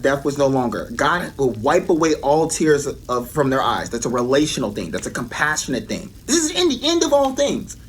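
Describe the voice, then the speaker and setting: A man's voice: mid-range voice, a little hiss or hum. A man giving an earnest devotional teaching and often repeating his key points for emphasis.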